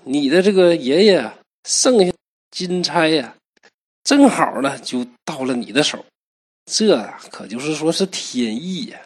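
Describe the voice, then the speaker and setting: A man's voice: a little high, lively intonation, measured pace, husky. A man voicing a kindly old female fox spirit who sighs and coaxes in a storybook tale. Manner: sighing, coaxing.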